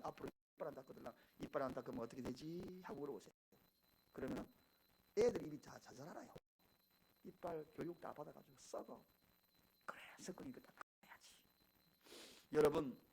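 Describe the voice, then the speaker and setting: A man in his fifties preaching a Sunday sermon in a church, acting out family conversations and swinging from hushed asides to loud emphasis. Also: high voice, creaky, husky, low-quality recording. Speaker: pastor. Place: church sanctuary.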